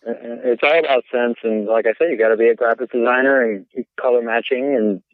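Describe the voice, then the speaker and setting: A man's voice: medium pitch, a little fast. A man from South Carolina, a podcast guest, talking in a laid-back casual way and often saying man and dude. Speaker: podcast guest, business owner. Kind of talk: casual interview chat. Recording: tinny phone-like line.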